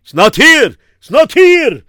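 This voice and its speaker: A man's voice: lowish voice, lively intonation, normal speed, no echo, studio quality, close to an everyday voice. A man voicing a fussy, easily alarmed rabbi who mixes Yiddish phrases into his talk and repeats himself when worried. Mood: panicked.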